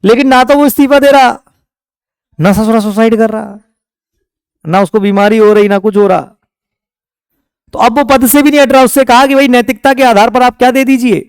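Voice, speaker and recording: Male teacher from India. High, smooth voice. Fires questions at the class and answers them himself. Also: normal speed, pauses often, dry recording, studio quality. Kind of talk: exam-prep lecture.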